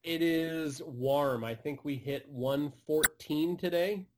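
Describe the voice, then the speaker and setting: A man's voice: a little high, takes it slowly, noisy background. A man from a game publisher guesting on a podcast, talking earnestly in casual chat with fillers.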